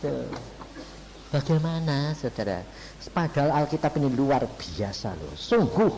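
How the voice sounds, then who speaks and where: A middle-aged man with a Javanese accent preaches a sermon as an evangelist, speaking in a mid-range voice at a measured pace over a noisy background. He tells stories in an animated way, acts out dialogues, and addresses his listeners directly as "saudara."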